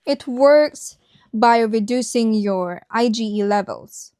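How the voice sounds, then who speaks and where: A woman with a slightly high voice narrates a personal vlog, speaking straight to her viewers. The sound is very dry, with no room echo. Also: slow pace, darkish tone. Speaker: vlogger.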